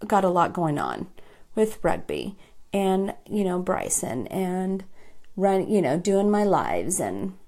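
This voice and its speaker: A woman's voice: mid-range voice, vocal fry, warm tone. A woman hosting a casual makeup tutorial live stream, chatting with her viewers by name as she works. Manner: chatty, talks to viewers by name while working.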